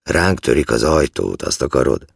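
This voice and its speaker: Guy putting on a tense young thug, swearing and threatening, pushed up higher and louder than his own deep voice. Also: expressive, gravelly, husky, dry recording, clean studio sound, heavily acted. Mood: hissing. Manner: hissing, aggressive, swearing.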